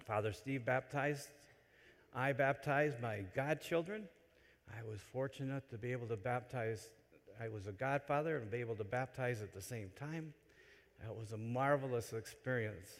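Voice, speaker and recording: A man delivering a homily in a church, telling stories with animated swings between loud excitement and quiet asides. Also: mid-range voice, normal speed. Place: large church. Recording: long church reverb. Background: church hall.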